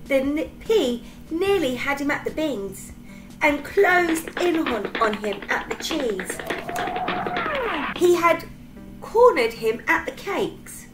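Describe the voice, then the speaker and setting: A woman reading a children's picture book aloud in an expressive, dramatic storytelling manner. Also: high voice, takes it slowly, music in the background, low-quality recording.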